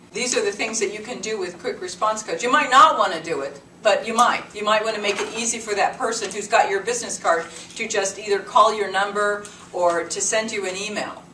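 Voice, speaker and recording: A woman with a bright, forceful mid-range voice presents at a business meetup, running an informal, conversational workshop for a small group in a meeting room. She explains things plainly. The recording is roomy, from a distant mic with clear noise.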